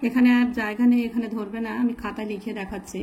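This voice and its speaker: Woman, teacher, fairly high voice, slow patient dictation, spells letter by letter, faint hiss. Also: steady tone, dark tone, muffled recording. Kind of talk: spelling out words and explaining grammar. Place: at home, writing in a notebook.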